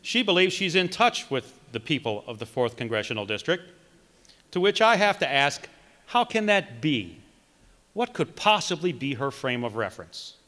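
A middle-aged man with a bright, slightly high voice delivers a read campaign speech with measured emphasis. His voice rings out through a podium microphone in a large hall with a long echo. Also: big pitch swings. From Wisconsin. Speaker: political candidate. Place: large conference hall, indoors.

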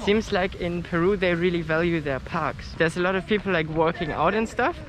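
A man's voice: high voice, brisk. A young man vlogging outdoors in a city, chatty and upbeat, talking to viewers while speaking through a face mask, filmed on a handheld camera. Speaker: travel vlogger. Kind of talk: casual travel vlog. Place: outdoors in a city, streets and parks. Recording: loud city noise behind. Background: traffic and street noise.

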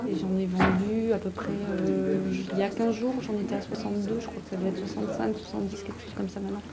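A woman's voice: mid-range voice, flat delivery, fast talker. Hesitant woman artist, crowd behind. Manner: hesitant, restarting, casual. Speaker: exhibiting artist. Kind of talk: interview. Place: vaulted brick gallery cellar, indoors. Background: crowd chatter.

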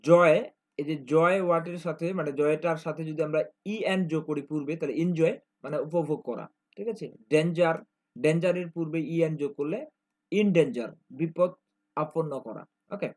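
A man with a slightly high voice and a Bangladeshi Bengali accent teaches an exam-prep grammar lesson. He works through examples one by one. He keeps stopping to ask whether his students follow. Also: moderate pace. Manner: explains step by step, checks in with "ঠিক আছে?" often.

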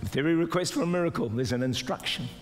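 An older pastor races through a sermon in a large church auditorium with a stage, exhorting the congregation, sometimes shouting and mimicking doubters in a higher voice. The live hall reverb carries soft music and responses from the congregation.

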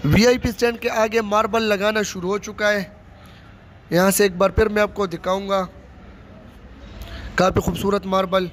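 A man with a high voice narrates a walking tour of a stadium under construction, recorded outdoors on his handheld phone. He keeps up a plain running commentary and repeats his phrases. A faint outdoor ambience runs beneath his voice. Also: level tone, moderate pace, long pauses, a little hiss or hum. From Pakistan. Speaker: vlogger giving a site tour. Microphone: phone camera held by the speaker.

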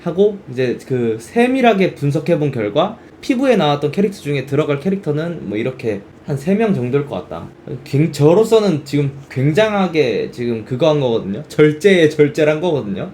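A man's voice: a little high, brisk, few pauses, slight background noise. A young man who streams games, chatting casually and acting out reactions in quoted bits. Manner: animated, exclaims and acts out quoted reactions. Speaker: game streamer. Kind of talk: casual game chat.

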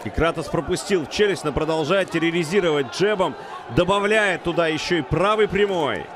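A man giving excited live commentary on a fight as a commentator. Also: fairly high pitch, a little fast. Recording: loud crowd behind commentary.

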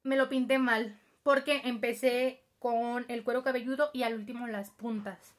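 A young woman chatting casually through a home hair-dye tutorial, hurried and addressing her viewers directly. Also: on the high side, fairly even intonation. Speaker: beauty vlogger. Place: home, improvised spot.

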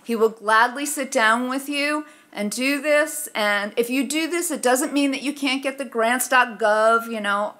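Female presenter, middle-aged, forceful bright voice, slightly high, conversational how-to delivery at a podium mic. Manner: conversational, explanatory. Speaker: presenter, research office staff. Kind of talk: informal instructional presentation. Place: conference room, at a lectern. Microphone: gooseneck lectern microphone.

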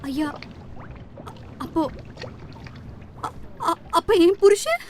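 A woman acting a poor, pleading wife and mother in an emotional radio drama, halting and deferential. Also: very high-pitched, expressive, noisy background. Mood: anxious, pleading. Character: anguished poor fisherman's wife, newly widowed mother.

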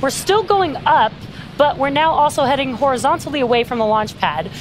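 A woman with a fairly high voice hosts a live launch webcast, explaining as she commentates. There is clear noise behind her. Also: expressive, fairly quick, poor audio.

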